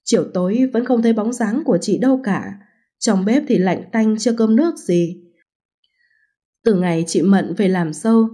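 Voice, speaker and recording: A woman narrating a first-person story as an audiobook, in an even, unhurried way. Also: medium pitch, breathy edge.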